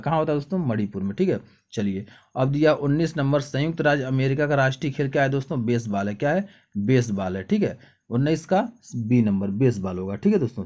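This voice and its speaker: A young man going through exam questions one by one, reading each out and then repeating the answer back as a question to the viewer. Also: medium pitch. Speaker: exam tutor. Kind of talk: quick exam answer walkthrough.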